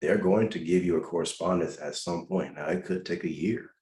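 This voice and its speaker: A man with a very low, deep voice hosts a live video-call class and fields questions from callers. He speaks in an instructive way and drives his points home through repetition. The sound is roomy, with a noticeable echo around him. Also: a little fast, a little mellow. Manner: instructive, repeats advice with emphasis. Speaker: host answering caller questions.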